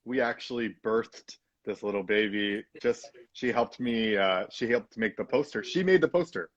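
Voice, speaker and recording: A man's voice: lowish voice, moderate pace, no room sound, highs cut off. A young man hosting a live-stream showcase, talking casually and effusively with many fillers and restarts. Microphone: phone or computer mic.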